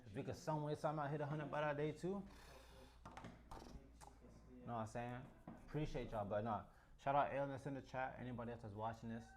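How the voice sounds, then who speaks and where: A man's voice: mid-range voice, steady tone, quick pace, long pauses. A young man streaming live, talking casually and in slang straight to his chat.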